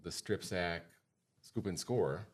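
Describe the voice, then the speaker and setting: Taking his time, an American man with a low-pitched voice hosts a casual podcast as a financial advisor. He chats informally with listeners and repeats key points for emphasis.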